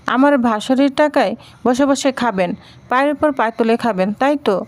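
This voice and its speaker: A woman voicing a bold young daughter-in-law who answers back with calm, cutting retorts. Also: fairly high pitch, brisk, lightly acted. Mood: cool, defiant.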